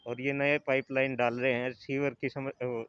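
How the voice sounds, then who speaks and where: A man's voice: mid-range voice, little pitch movement, moderate pace, clear, resonant tone, no room sound, muffled recording. A man, a local resident, explaining a problem in a matter-of-fact way in a street interview.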